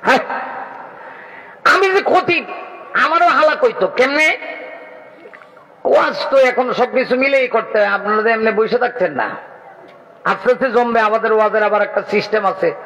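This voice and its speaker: High-voiced preacher with a big echoing hall sound. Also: male voice, normal speed, pauses often, fairly bright tone. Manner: jokes with the crowd, quizzing and cajoling listeners, rising into sing-song chanting. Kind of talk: Bengali waz sermon. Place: large outdoor religious gathering.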